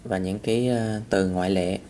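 A man's voice: sits low, steady tone, moderate pace, dark tone, slight background noise. A man teaching English vocabulary, saying each word several times. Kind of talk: vocabulary lesson.

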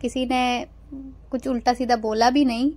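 Young woman, high voice, casual travel vlogger, giggly and chatty. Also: flat delivery, normal speed, a little mellow. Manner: chatty, giggly, repeats words for effect. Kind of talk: casual travel vlog narration.

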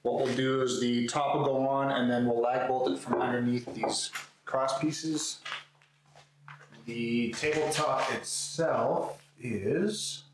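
A man in his thirties, a woodworking video host, takes it slowly as he explains a hands-on build to camera, his mid-range voice steady, casual and matter-of-fact. A camera mic a few metres away in the concrete-floored indoor garage records echo and faint background noise.

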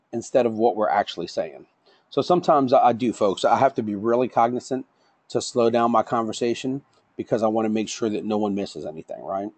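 A middle-aged man lecturing an online safety course at a brisk, self-confessed fast pace. He keeps checking in with his listeners, voice sitting mid-range. The recording is dry and close, with no room sound. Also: medium pitch, a little mellow, no room sound. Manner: says he talks fast, tags lines with "right?" and "okay?". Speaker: safety trainer.

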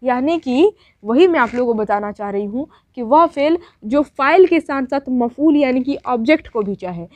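A woman's voice: high voice, lively intonation, normal speed, a little mellow, dry recording. A woman teacher giving a grammar lesson, asking questions and answering them herself, with lots of repetition. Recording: dull, dry lo-fi sound.

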